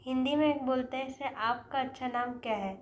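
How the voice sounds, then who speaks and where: Woman, Indian accent, English teacher, slow and deliberate, fairly high voice, echoey room. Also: steady tone, muffled recording. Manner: slow, deliberate, repeating example sentences word by word. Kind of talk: spoken English lesson. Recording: echoey room with faint noise.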